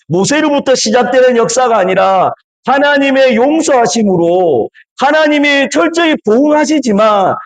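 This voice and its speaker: A middle-aged man preaching a Sunday sermon as pastor in a church, animated, swinging between loud bursts and soft asides and acting out quoted lines. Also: very high voice. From South Korea. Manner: animated preaching, acts out God's and his own angry words. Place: church in a Korean congregation abroad.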